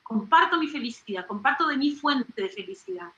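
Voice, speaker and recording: A middle-aged Chilean woman in a studio interview, animated, exclaiming and acting out little voices as she talks. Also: high voice, a little fast, echoey room, lo-fi sound. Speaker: singer and comedian guest.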